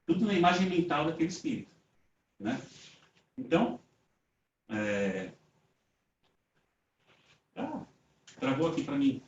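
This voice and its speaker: A man's voice: fairly high pitch, sing-song, slow pace, long pauses. A man with a Brazilian Portuguese accent gives a conversational lecture to a group. He tells stories casually, acts out the dialogue he reports, and often ends phrases with a tag question. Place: meeting room with an audience. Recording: roomy, distant, dull lo-fi sound.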